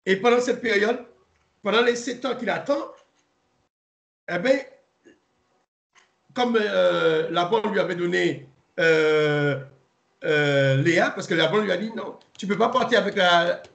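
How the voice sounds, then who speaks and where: A man leading an informal Bible study, pausing, repeating words and spelling names out letter by letter. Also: high-pitched, creaky, fairly bright tone. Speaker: Bible teacher. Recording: roomy echo.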